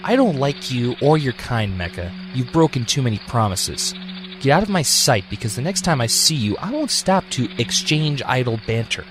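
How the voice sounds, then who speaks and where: An actor playing a suspicious, hot-tempered echidna guardian in an amateur radio drama, blunt and sarcastic. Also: male voice, medium pitch, very animated, moderate pace, music in the background, natural voice. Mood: hostile, sarcastic. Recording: noisy home recording.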